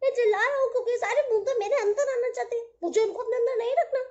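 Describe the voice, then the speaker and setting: Woman doing a stubborn grumpy cloud guy, loud and flustered, high mellow voice. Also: fairly even intonation, very fast. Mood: protesting. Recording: dull lo-fi audio.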